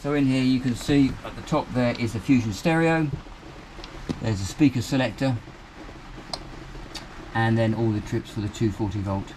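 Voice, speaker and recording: A man reviewing boats tours the cabin of a small motor boat on a handheld camera, sounding chatty and cheerful as he points things out on the move. He speaks at a normal speed in a medium pitch, against a noisy background.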